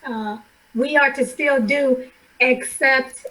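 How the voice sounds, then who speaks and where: On an online study call with poor audio, a hoarse middle-aged woman hesitantly asks a question, restarting her sentences as she figures out what she wants to ask. Her high voice is steady, slow, bright and forceful.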